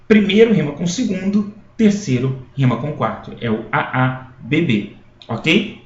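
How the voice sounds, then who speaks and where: A man's voice: a little high, very animated, moderate pace. A man teaching a school poetry lesson, explaining step by step and often checking in with his students. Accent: Brazilian Portuguese. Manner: explanatory, with frequent checking tags and restarts. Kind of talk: recorded classroom lecture. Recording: echoey room, dull lo-fi sound.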